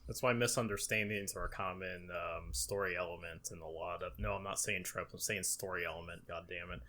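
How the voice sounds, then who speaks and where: A man in casual discussion, halting and rephrasing as he goes. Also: sits low, steady tone, pushed and bright.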